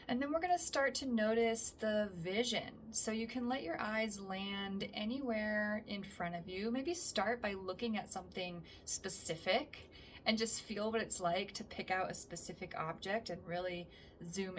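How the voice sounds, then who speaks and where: A woman instructor leading a calm grounding exercise, speaking gently and letting phrases trail off softly. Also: mid-range voice. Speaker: somatic practice instructor. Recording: distant mic with faint background noise.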